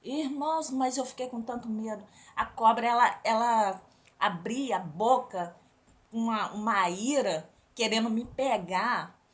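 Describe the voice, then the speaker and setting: A woman's voice: a little high, measured pace. A woman with a Brazilian accent telling a religious testimony to a congregation, often turning to the listeners as brothers and sisters. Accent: Brazilian Portuguese. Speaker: church member giving a testimony.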